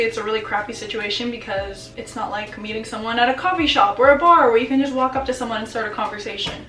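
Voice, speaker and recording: A young woman talks in a casual, chatty vlog style with a fairly high voice. Her delivery is informal and emphatic, with some light noise in the recording. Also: pushed and bright, rough recording. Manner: informal, frequent "like" and emphatic words. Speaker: lifestyle and running vlogger.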